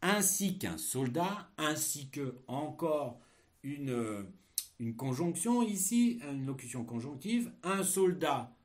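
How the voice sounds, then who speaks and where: A male teacher dictating in drawn-out, emphatic phrases, explaining the grammar and posing questions as he goes. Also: on the high side, animated, a little mellow. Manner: didactic, poses rhetorical questions. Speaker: French teacher giving an exam dictation.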